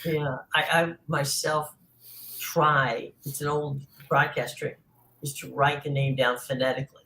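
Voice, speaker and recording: Male sports host, gravelly tone, loose rambling delivery full of ums. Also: mid-range voice, flat delivery, unhurried, bright, forceful tone, poor audio. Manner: rambling, many fillers. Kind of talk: casual sports talk.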